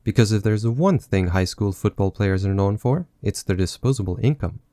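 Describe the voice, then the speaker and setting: A man's voice: lowish voice, animated, normal speed, mellow, no echo, studio quality. Sardonic man recapping a movie. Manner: sardonic, mocking asides. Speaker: film reviewer. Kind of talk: sarcastic movie recap commentary.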